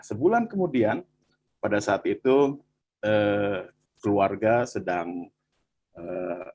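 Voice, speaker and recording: Husky-voiced man from Bandung, animated testimony, mid-pitched, talks to the listener directly. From Bandung, Indonesia. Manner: animated storytelling, frequent "Pak" and "gitu". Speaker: guest telling his testimony. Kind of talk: personal testimony in conversation.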